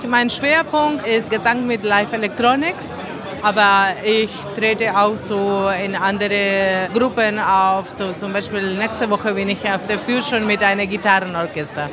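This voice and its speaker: A woman from Argentina, a composer and singer, answering interview questions in a thoughtful way, pausing to search for words, with grammar. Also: mid-range voice, fairly even intonation, crowd noise. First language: Spanish.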